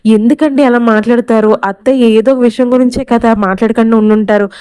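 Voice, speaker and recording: A woman reading the lines of a caring young wife who gently coaxes her husband to eat. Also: on the high side, fairly even intonation, brisk, smooth, no echo, natural voice. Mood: coaxing. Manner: coaxing, soothing.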